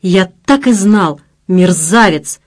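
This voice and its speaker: A woman's voice: medium pitch, expressive, takes it slowly. A woman reading an audiobook, voicing a heated, suspicious adult man who demands and accuses. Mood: angry.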